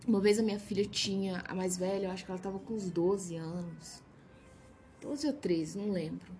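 A woman's voice: medium pitch, moderate pace, dark tone, faint music behind. Blunt Brazilian woman teaching Bible verses. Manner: blunt and emphatic, scolding asides; reads a verse, then comments conversationally. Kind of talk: informal devotional teaching over Bible verses.

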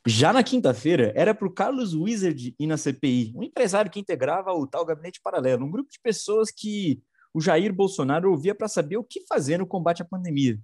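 A sarcastic man co-hosting a news show, his voice sitting a little high. His delivery swoops up and down as he jokes through the headlines. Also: lively intonation, brisk, few pauses, darkish tone, slightly rough. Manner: sarcastic, slangy. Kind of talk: informal political news commentary.

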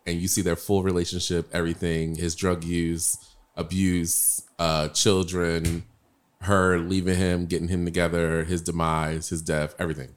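A man co-hosting a casual chat, joking and musing in a relaxed, drawn-out way. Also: low-pitched, a little hiss or hum. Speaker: podcast co-host.

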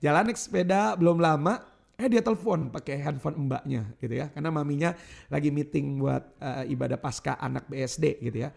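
High, gravelly-voiced male youth preacher. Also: fairly quick. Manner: lively preaching with call-and-response and casual storytelling; refers to himself in the third person. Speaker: youth pastor. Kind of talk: sermon. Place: church youth service.

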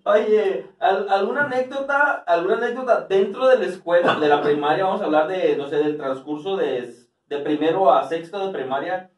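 A high-voiced man banters casually in slang, teasing and prompting others for stories. He sounds off the mic in an echoey room. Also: moderate pace, distant mic, muffled recording. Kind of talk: casual joking chat. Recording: roomy echo, off mic.

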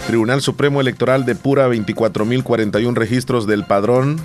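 A man's voice: mid-range voice, steady tone, fast, music in the background. A man from El Salvador, co-hosting a casual chat show, rambling and repeating his words. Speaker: podcast co-host. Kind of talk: casual radio-style chat.

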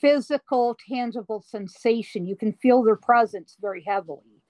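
A woman guest telling a personal story in an interview, slow and dramatic with drawn-out emphasis. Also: on the high side, dark tone, no room sound, poor audio. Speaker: guest recounting paranormal experiences.

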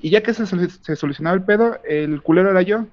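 A man's voice: high voice, quick pace, highs cut off. Rambling Mexican man, slangy chat. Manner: rambling, frequent restarts and slang. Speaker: podcast co-host. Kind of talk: casual group chat.

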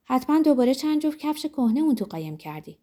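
Sharp scolding mother, a woman reading her. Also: high-pitched, very animated, pitched above the performer's own voice. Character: harsh scolding middle-aged mother, woman.

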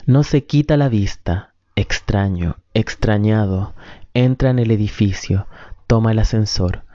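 Calm man narrating, mellow voice. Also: fairly low pitch, no echo. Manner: calm, measured storyteller. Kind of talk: scripted narration. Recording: dull, dry lo-fi recording.

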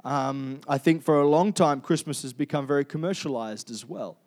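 This Australian-accented preacher talks to his congregation in a loose, conversational way, asking them questions, using lots of fillers, and frequently starting sentences over. He has a mid-range, darkish voice and keeps a normal speed.

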